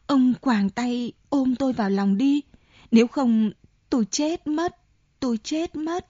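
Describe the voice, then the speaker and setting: A woman voicing a frightened, insistent older woman who pleads breathlessly in a high voice, on a dull lo-fi audiobook recording. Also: measured pace, mellow, dry recording. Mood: pleading.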